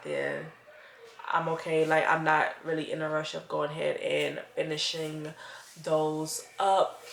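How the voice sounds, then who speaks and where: A woman's voice: sits low, creaky, roomy sound, slight background noise. Rambling woman vlogger with a stuffy nose. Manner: rambling, lots of "like", addresses viewers as y'all. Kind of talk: casual chat to camera. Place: home. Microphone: camera mic.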